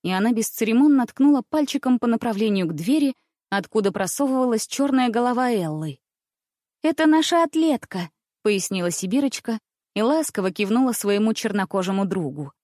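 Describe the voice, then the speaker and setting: Woman reading a kids story aloud, expressive, slightly high voice, dry close sound. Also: brisk, no room sound. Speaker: narrator. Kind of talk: audiobook narration.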